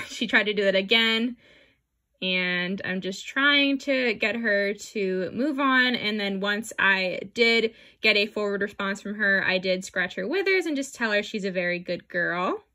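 A young woman talks casually over her own riding footage in a voice-over. Her tone is bright and clear. She is chatty and self-deprecating and often drops in "like". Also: medium pitch. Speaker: equestrian vlogger.

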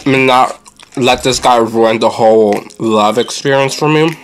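A man's voice: medium pitch, measured pace, smooth. A young man chatting casually to viewers in an eating vlog, talking with his mouth full. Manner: chatty, confiding, talks between bites. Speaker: vlogger. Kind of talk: casual chat while eating.

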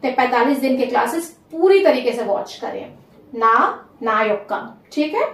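A woman teaching a spoken language lesson, speaking slowly and repeating each phrase so learners can note it down. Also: a little high, sing-song, roomy sound, recorded from a distance.

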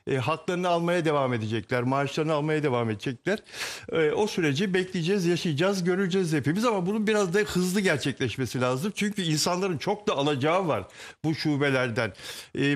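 An older man gives live studio commentary on a television panel. His voice sits fairly high for a man, and he explains things deliberately, often halting between phrases. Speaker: panelist on a TV magazine show.

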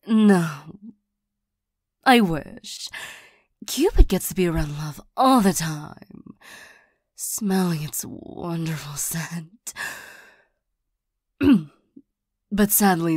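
A woman voicing a flirtatious, lonely female demon in an ASMR role-play, soft and partly soft-spoken, coaxing and teasing, easily irritated. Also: on the low side, drawn-out words, pauses often, dry recording, clean studio sound, heavily acted. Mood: wistful. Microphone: close microphone.

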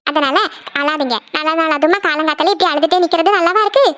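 A woman's voice: high voice, quick pace, a bit bright. Woman putting on a motherly cartoon mother-in-law. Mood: comforting. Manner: motherly, comforting. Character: kind middle-aged mother-in-law, warm and reassuring. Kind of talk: cartoon voice acting.

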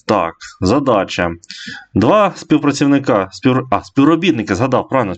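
A man giving casual gameplay commentary as a streamer, hesitant and full of fillers and self-corrections. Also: medium pitch. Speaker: let's play streamer.

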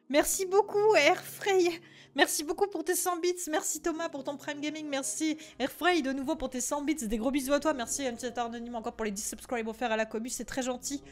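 High-voiced excitable woman streamer. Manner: excitable, talks to viewers and the game, swears. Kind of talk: live horror game commentary.

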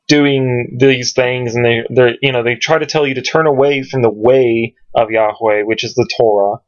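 A man teaching from scripture at home in a casual, rambling way, searching his computer aloud with many pauses and ums. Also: mid-range voice, steady tone. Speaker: Bible teacher. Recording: dull lo-fi home recording.

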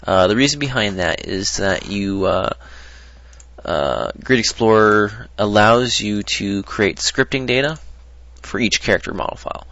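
Brief: deep, gravelly man, loose rambling tutorial delivery, dull dry lo-fi recording. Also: unhurried, fairly bright tone, dry recording. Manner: rambling, hesitant, lots of ums and restarts. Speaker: modding tutorial presenter. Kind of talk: casual screen-recorded tutorial.

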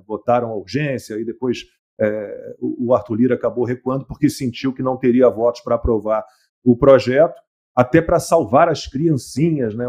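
A man's voice: medium pitch, darkish tone. A man hosting a live political talk show, chatty, greeting guests by name and tagging on "né?" often. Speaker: show host.

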